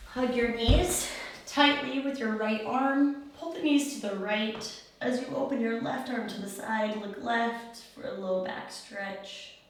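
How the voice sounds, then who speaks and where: A woman teaching a yoga class, giving step-by-step pose instructions in a calm, soothing, encouraging way. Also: fairly high pitch, unhurried. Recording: very echoey room, far mic, faint noise.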